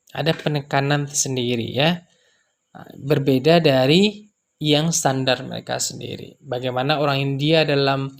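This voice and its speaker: Guy teaching a lesson, slow and patient, lots of "nah" and "eh" fillers, keeps repeating the example words. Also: a little high. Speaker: language teacher. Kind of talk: explanatory lecture.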